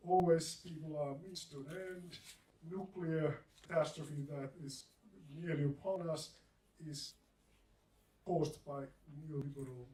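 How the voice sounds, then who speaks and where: A man's voice: fairly high pitch, darkish tone. Man objecting bluntly in an echoey hall. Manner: blunt, hesitant, restarts often. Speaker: panel discussant. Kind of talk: academic panel discussion. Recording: echoey room from far off, faint hiss.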